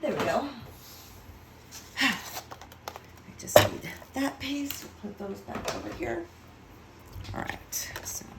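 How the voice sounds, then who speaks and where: A woman's voice: high voice, animated, slow, gravelly, pauses often, heavy background noise. A woman giving a casual craft tutorial, chatty and self-mocking as she thinks aloud while working. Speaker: card-making demonstrator.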